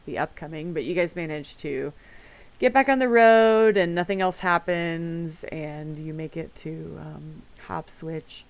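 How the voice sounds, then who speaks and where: A woman runs a tabletop game, narrating in a loose, chatty way. Her voice sits a little low. She laughs often and leans on filler words. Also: unhurried, gravelly, no room sound, poor audio. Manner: casual, giggly, lots of fillers. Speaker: game master.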